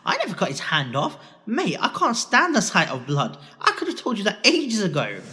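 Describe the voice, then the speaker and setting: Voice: mid-range voice, huge pitch swings, moderate pace, bright, forceful tone, slight background noise. An actor doing a cheeky slangy boy hero. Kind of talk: amateur audio pantomime.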